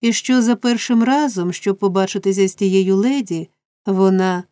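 A woman's voice: medium pitch, normal speed, mellow, no room sound, clean studio sound, lightly acted. A woman voicing a sleepy, sly young male informer in an audiobook reading, drawling and smug.

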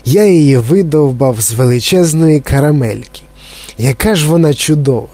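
A man voicing an eccentric, cheerful male candy maker, brisk and excitable, in a storybook reading. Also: fairly high pitch, natural voice. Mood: excited.

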